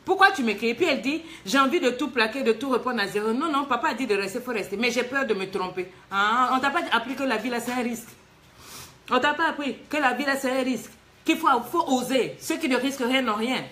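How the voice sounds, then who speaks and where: A woman life coach giving animated, teasing advice in a live talk, reading a listener's letter aloud and answering with emphatic rhetorical questions. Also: on the high side, fast talker.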